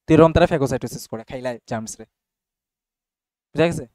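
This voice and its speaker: A man's voice: mid-range voice, brisk, a little mellow, no echo, studio quality. A young man teaching a class casually and often checking whether students follow. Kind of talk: classroom biology lesson.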